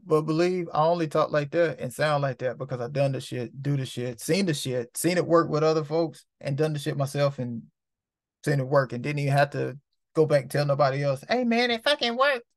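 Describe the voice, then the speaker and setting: A man's voice: on the high side, fairly even intonation, fairly quick, no room sound, clean studio sound. A man hosting a casual spiritual talk, rambling and profane, heavy on street slang. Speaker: host.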